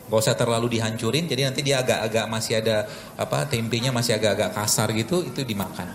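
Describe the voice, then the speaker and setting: A man's voice: on the low side, steady tone, fast talker. A man, a doctor, giving a chatty, joking live health talk with a cooking demo to an audience in a large hall. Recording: echoey hall with room noise.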